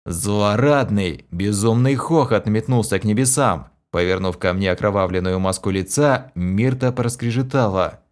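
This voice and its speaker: A man's voice: on the low side, moderate pace, hardly any pauses. A man narrating a first-person fantasy audiobook with an intense, dramatic reading.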